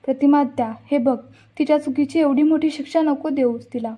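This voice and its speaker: A woman's voice: high-pitched, steady tone, fairly quick, dark tone, lightly acted. A woman reading the lines of a young man begging his aunt to stop. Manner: plain reading of quoted lines. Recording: dull lo-fi recording.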